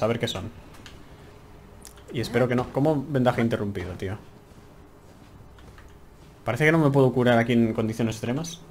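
A young man speaks at medium pitch with a Spain Spanish accent, streaming gameplay from home with a little hiss or hum in the audio. He delivers chatty, exclaiming let's-play commentary and talks to himself as he plays.

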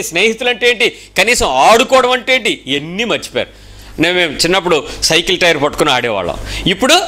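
A male preacher with a high, bright, ringing voice delivers a sermon. He scolds and questions his congregation, firing off lists in short bursts and jumping up in pitch to drive points home. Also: slight background noise.

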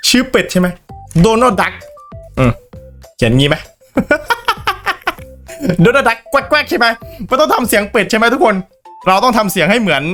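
A young man chats playfully through a game, his pitch bouncing high and low as he laughs and jokes. Faint music plays behind him. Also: sharp tone. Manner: playful, laughs often, jumps into high squeaky voices. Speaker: gaming YouTuber. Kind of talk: casual game commentary.

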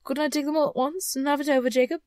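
Woman doing a scared storybook businessman, high voice, humble n pleading, kinda faltering, very deferential. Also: animated, brisk, dry recording, studio quality, close to an everyday voice. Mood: faltering, hesitant. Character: frightened, deferential male businessman pleading with a ghost. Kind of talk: storybook character reading.

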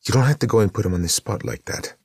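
A man's voice: fairly low pitch, fast, vocal fry, a little mellow, slightly rough, dry recording, studio quality, pitched above the performer's own voice. A man voicing an exasperated sister who scolds her brother, in an audiobook. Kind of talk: audiobook narration.

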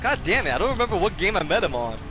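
A young man with a high-pitched, sing-song, rapid-fire voice banters loosely and profanely with friends while playing an online game. It's casual gaming chat, with game music in the background.

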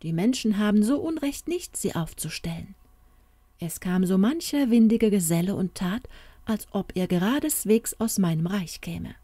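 A woman voicing a wise, gentle fairy queen who soothes her daughter in a motherly way. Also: medium pitch, expressive, moderate pace, no echo, lightly acted. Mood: soothing.

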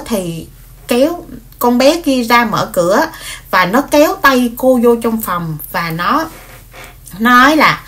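A woman tells a long story in a loose, chatty way. She stumbles over words and repeats herself as she goes. Her voice sits a touch higher than most women's. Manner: animated, frequent fillers and repeated words. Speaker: vlogger retelling a story. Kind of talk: casual spoken storytelling.

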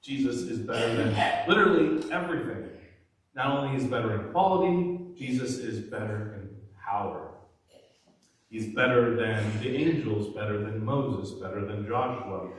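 A man in his thirties, a pastor with a stuffy nose, giving a measured, deliberate sermon from a pulpit in a large church. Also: mid-range voice, expressive. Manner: measured, deliberate preaching with lists and emphasis. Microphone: far camera, pulpit. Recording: very echoey sanctuary, distant mic.

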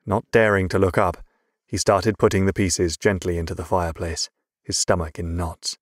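A male narrator reads a fantasy novel in a very deep, measured voice. The recording is close and dry, with no room sound at all. His telling stays steady and even. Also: dry recording. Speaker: audiobook narrator. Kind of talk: scripted narration.

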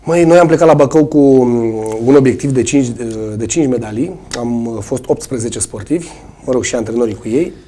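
A swimming coach, hoarse a cold, answering in a studio interview with many hesitations. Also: male voice, medium pitch, mellow, a little hiss or hum.

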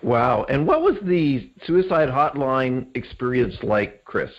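A man's voice: mid-range voice, animated, takes it slowly. A man hosting an interview, speaking reflectively and conversationally to his guest and listeners. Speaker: podcast host, interviewer. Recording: dull lo-fi podcast audio.

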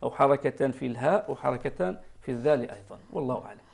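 A man with an Algerian Arabic accent speaks very fast in a medium-pitched, creaky voice. He teaches Quran recitation on a live broadcast, patiently correcting callers and demonstrating pronunciation as he explains.

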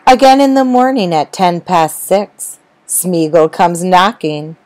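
A woman reading a rhyming children's story aloud in a gentle, rhythmic storytelling manner. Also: on the low side, animated, slow pace, dry recording, rough recording.

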